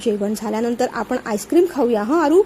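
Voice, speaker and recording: A woman's voice: a little high, lively intonation, fairly quick, mellow, a little hiss or hum, pitched below the performer's own voice, close to an everyday voice. A woman reading a storybook voicing a chatty young woman talking with her friend and her brother. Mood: chatty, defensive.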